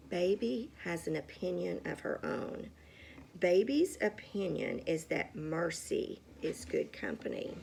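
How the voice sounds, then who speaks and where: Woman reading a picture book aloud to a kid, lively voice, chatty asides. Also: fairly low pitch, gravelly, slight background noise. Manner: chatty asides, asks the child questions. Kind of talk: casual storytime read-aloud.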